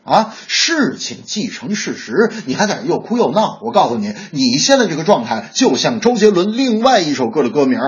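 Lively joking male radio host. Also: a little high, moderate pace, few pauses. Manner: joking storyteller, crosstalk-comedian delivery. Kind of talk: comic commentary show. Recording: slightly dull radio sound, faint music.

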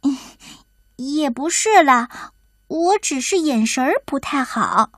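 A woman voicing a gentle little female mole who stammers and cannot see well. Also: sits high, expressive, slow pace, dry recording, studio quality. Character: little female mole, poor-sighted, sharp-nosed, gentle.

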